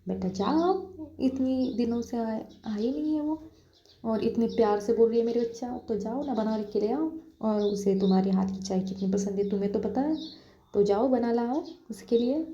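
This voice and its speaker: A woman voicing an indulgent, easygoing middle-aged mother who gently persuades. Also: fairly high pitch, moderate pace, reverberant, lo-fi sound, a little hiss or hum, lightly acted.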